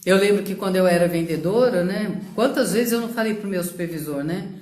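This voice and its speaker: A middle-aged woman from São Paulo state, Brazil, tells her own career story in a casual live social media talk, reflective and full of fillers and tag questions. Her voice is fairly low and darkish, fairly quick, with a roomy sound.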